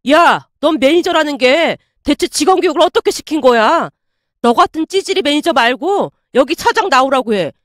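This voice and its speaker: A woman's voice: high-pitched, animated, moderate pace, no room sound, clean studio sound. A woman voicing a sneering bully of a man. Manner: sneering, yelling insults. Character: arrogant bullying young male customer.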